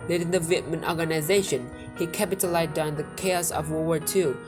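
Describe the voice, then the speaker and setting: A young woman with a Vietnamese accent narrating a scripted school project as a tour guide, reading carefully. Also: on the low side. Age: young adult. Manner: careful, read-aloud delivery. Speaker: student presenter playing a tour guide. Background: background music.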